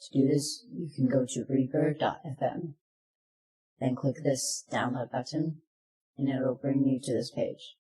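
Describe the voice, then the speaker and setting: A presenter in a reverberant room explains software plainly, one step at a time. The voice has medium pitch and a steady tone, at a slightly slow pace.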